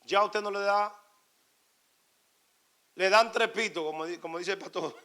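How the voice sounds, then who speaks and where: Un predicador con acento dominicano que da un sermón en tono enfático, con frases repetidas. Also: male voice, high voice, unhurried, pushed and bright. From Dominican Republic. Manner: emphatic, repetitive preaching cadence. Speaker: preacher. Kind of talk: sermon.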